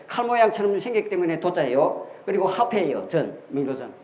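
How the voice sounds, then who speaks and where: A man's voice: high voice, darkish tone. A man giving a classroom lecture on history and characters, explaining step by step with rhetorical questions and repeated key words. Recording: echoey room.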